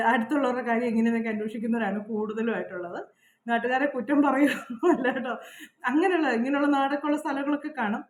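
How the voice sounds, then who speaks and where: A woman's voice: sits high, reverberant. A middle-aged woman from Kerala, telling her life story in a chatty, confiding vlog. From Kerala, India. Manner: chatty and confiding, frequent "kettō" tags. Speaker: vlogger. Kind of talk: casual personal storytelling. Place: outdoors at her old house.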